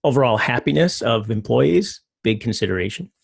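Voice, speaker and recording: A middle-aged man giving a relaxed talk, loose and rambling, full of fillers. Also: medium pitch, moderate pace, creaky, slightly rough, no echo, studio quality. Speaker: presenter. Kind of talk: casual talk with slides.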